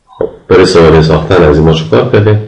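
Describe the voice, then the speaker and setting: A man with an Afghan Dari accent giving a recorded grammar lecture, patiently explaining and slowly repeating example sentences. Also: low-pitched, vocal fry, a little mellow, reverberant, poor audio. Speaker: university English lecturer.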